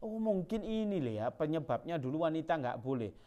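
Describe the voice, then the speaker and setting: Male preacher, slightly high voice, conversational storyteller. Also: big pitch swings, a little fast, dark tone, muffled recording. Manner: chatty storytelling, sudden jumps into acted voices, local slang. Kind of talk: sermon.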